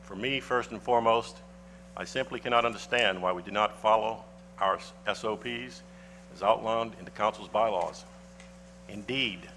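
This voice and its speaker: Formal council member reading a statement. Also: male voice, fairly low pitch, bright, forceful tone, a little hiss or hum. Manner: formal, deliberate, reading legal citations. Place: council chamber.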